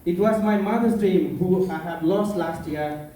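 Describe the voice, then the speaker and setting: Young Bangladeshi man, a bit high-voiced, earnest public speaker; distant mic, faint room hum. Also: a little slow, mellow. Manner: earnest, non-native phrasing, playful asides. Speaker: conference keynote speaker. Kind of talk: public speech. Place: conference room. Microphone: far from the mic. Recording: echoey room, mic far off.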